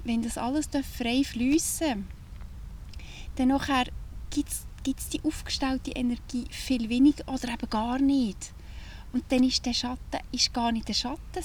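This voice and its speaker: A woman's voice: a little high, darkish tone, a little hiss or hum. A woman with a Swiss German accent hosting a podcast, talking casually and vividly from inside an old camper van, often restarting her sentences as she searches for words. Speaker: podcast host. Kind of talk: casual chat.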